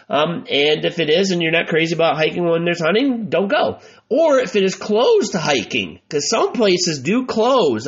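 A man's voice: on the high side, fairly bright tone. Congested, muffled American man hosting a podcast. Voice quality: muffled, congested, stuffy-nosed. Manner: chatty, folksy, informal. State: congested from allergies. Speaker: podcast host. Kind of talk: casual solo podcast talk. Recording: dull, muffled lo-fi podcast audio.

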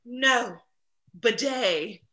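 A woman's voice: fairly high pitch, very slow, pushed and bright, heavily acted. An actress playing a flirtatious wealthy lady of the house in a comedic play read over a video call, bawdy and giggly. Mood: flirty.

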